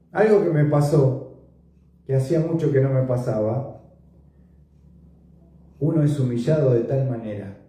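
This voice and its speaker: A male pastor, preaching a sermon slowly and emphatically, his voice often rising sharply in pitch and force. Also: mellow. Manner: slow, emphatic preaching with sudden rises in pitch and volume. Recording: echoey church hall, voice from a distance.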